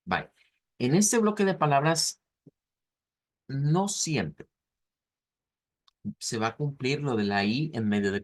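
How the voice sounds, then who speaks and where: Slow, careful male pronunciation teacher. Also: medium pitch. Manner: repeats words slowly, splitting them into syllables. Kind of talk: class explanation.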